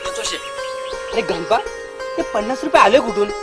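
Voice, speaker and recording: An easygoing village man, played by a man, brisk and offhand. His voice sits high, with a loud film score under it. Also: animated, music in the background.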